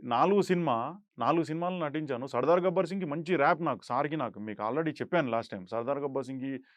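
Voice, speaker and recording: A young actor tells stories from a film set and breaks into loud, acted-out quotes. His voice sits somewhat high, and the sound is dry and close. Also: fast, no room sound. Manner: acts out quoted lines in raised voice. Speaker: actor guest. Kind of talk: animated storytelling interview.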